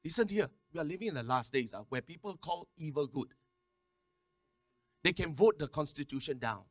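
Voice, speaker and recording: A man preaching a sermon, repeating words in quick stammering runs and calling on the congregation to respond. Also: fairly high pitch, expressive, dry recording, studio quality. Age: 50s. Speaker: pastor.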